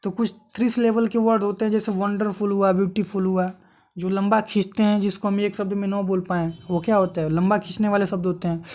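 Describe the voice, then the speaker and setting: A woman's voice: medium pitch, little pitch movement, brisk, darkish tone. Woman teaching grammar. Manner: explains patiently, asks and answers her own questions. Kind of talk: exam-prep grammar lesson.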